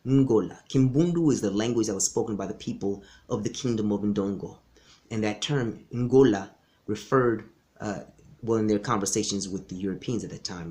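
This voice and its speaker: A man's voice: lowish voice, darkish tone. Emphatic man lecturing to camera. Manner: emphatic, insistent, frequent restarts. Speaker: martial arts instructor. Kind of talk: direct-to-camera history lecture.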